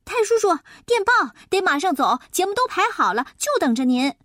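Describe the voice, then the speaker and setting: Eager, polite boy of ten, voiced by a woman storyteller, high and lively, close and dry. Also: moderate pace, dry recording. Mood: excited. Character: earnest hardworking boy of about ten.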